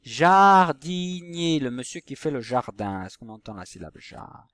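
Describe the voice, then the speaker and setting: A man teaching a recorded phonics lesson to young pupils, saying each example word slowly and patiently. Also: lowish voice, darkish tone, dry recording, studio quality.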